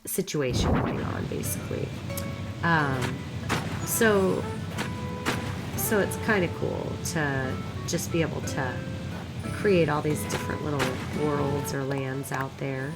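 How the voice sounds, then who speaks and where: A woman with a raspy, hoarse smoker's voice, worn from being sick, giving casual, rambling gameplay commentary in an informal way. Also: low-pitched, slow pace, loud music behind the voice, rough recording. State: hoarse from a recent illness. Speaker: video creator narrating game footage.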